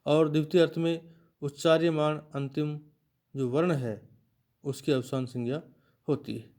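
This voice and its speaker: A man teaching Sanskrit grammar to students, explaining slowly and restating each point in a lecture style. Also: fairly high pitch, fairly even intonation, a little mellow.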